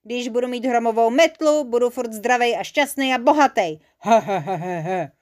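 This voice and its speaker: A woman voicing a naughty male creature with a croaky, mumbling voice in a children's storybook. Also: a little high, lightly acted. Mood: gloating. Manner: gloating, stubborn.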